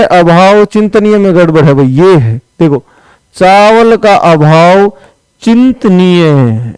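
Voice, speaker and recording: A man's voice: high-pitched, a little mellow, smooth, no room sound, rough recording. A male teacher going through spelling questions for an exam, blunt and chiding, often calling his students "brother". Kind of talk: exam-prep spelling lesson.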